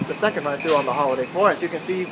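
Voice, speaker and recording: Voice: medium pitch, racing. A vlogger giving casual, off-the-cuff commentary while filming a train ride. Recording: very noisy crowded outdoor train ride. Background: loud crowd, train and outdoor noise.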